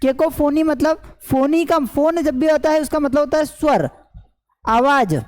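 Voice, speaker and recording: Woman tutor, high and mellow, slow and repetitive, with fillers and quiz-style questions. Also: lively intonation, poor audio. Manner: repetitive question-and-answer teaching, many fillers. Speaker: English vocabulary teacher. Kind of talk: explaining lesson in Hindi with English terms. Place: online class recording.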